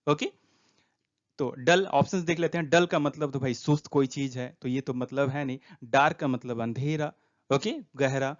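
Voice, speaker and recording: A man giving an exam prep lesson, explaining each word slowly and reading English prompts aloud. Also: mid-range voice. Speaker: teacher. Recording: dull lo-fi recording.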